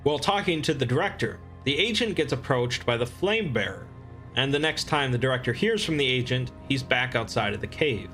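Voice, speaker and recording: A man reading scripted explainer narration in a measured, expository manner. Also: mid-range voice, expressive, fairly bright tone, faint music behind.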